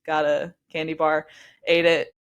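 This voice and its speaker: A woman's voice: sits low, level tone, clear, resonant tone. A young woman in her twenties, a podcast guest telling a long personal story in a casual, chatty way. She sounds a little stuffy from allergies. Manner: chatty, quick, with frequent likes and restarts.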